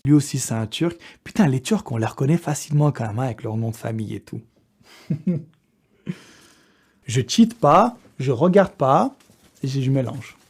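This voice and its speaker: In a mid-range, slightly rough voice, a young online video creator talks animatedly to his followers at normal speed, leaving long pauses. His banter is slangy and crude, full of jokes and bursts of laughter.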